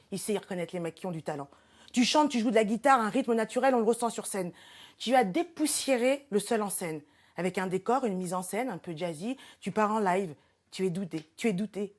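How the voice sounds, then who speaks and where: A woman's voice: mid-range voice, a little mellow. A woman who is a regular on the show, giving a playful, theatrical comic tribute to a guest. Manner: playful, theatrical, self-mocking. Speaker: regular portrait presenter. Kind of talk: comic scripted tribute monologue.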